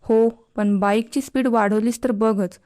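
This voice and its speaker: A woman's voice: on the high side, fairly even intonation, unhurried, mellow, dry recording, studio quality, lightly acted. A woman voicing a stubborn, bossy young college girl who insists and scolds, in a spoken storybook. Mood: insistent.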